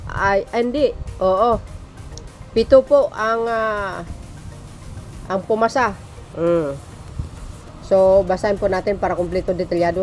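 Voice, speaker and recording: A woman's voice: medium pitch, a little mellow. A woman vlogging casual political commentary, chatty and teasing, reading names aloud with frequent exclamations.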